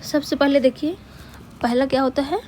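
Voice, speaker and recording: A woman teaching a grammar lesson, patiently repeating key words, asking rhetorical questions and dictating slowly word by word as she writes. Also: high-pitched, darkish tone, slight background noise.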